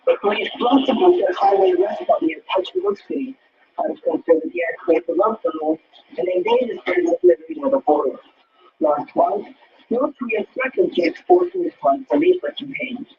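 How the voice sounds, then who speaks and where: A man reads the news heard through a shortwave radio receiver, his high voice leaping widely up and down. The sound is dull and distant. Hiss and static sit clearly under it. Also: very animated, normal speed. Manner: sing-song newsreader delivery with wide pitch swings. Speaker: newsreader. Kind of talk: broadcast news reading.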